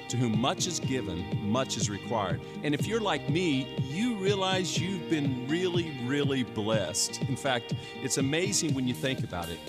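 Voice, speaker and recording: Male pastor, mid pitch, measured scripted appeal over loud music bed. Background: loud instrumental music.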